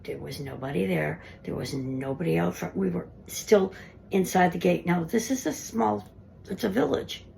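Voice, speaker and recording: A woman's voice: fairly low pitch, moderate pace, creaky, dark tone, a little hiss or hum. A woman paranormal investigator narrating her ghost recordings in a conversational, earnest way. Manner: conversational, earnest, explaining clips.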